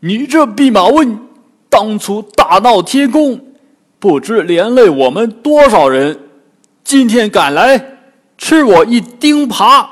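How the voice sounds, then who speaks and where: A man voicing a brash, gruff male pig demon who shouts his threats in a storybook tale. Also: sits high, big pitch swings, slow pace, pitched above the performer's own voice, heavily acted. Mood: angry. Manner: shouting, blustery.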